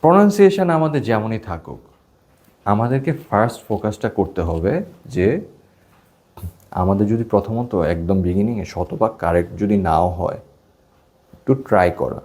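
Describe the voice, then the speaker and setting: A young man with a Bangladeshi Bengali accent teaches an English class, keeping it casual and jokey while mixing English phrases into his speech. His voice is lowish and darkish, expressive, at a normal pace with long pauses.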